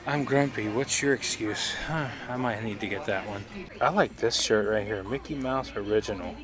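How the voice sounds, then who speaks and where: A man's voice: lowish voice, normal speed. A man talking casually while filming a walk through a gift shop, pointing things out as he goes. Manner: chatty, points things out as he films. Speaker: vlogger.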